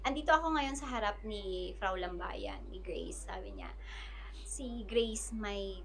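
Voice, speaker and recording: Speaking at a measured pace in a medium-pitched voice, a woman from the Philippines shares a personal story as a guest on a podcast. She chats casually and animatedly voices other people's quoted words; a little hiss or hum is audible.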